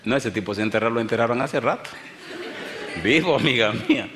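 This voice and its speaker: A man preaching a sermon as a pastor, telling stories with bursts of excitement and hushed quiet moments before a live congregation. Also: mid-range voice, a little fast. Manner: animated storyteller, swings from excited outbursts to hushed tones. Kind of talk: sermon with storytelling. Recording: echoey hall, faint background noise.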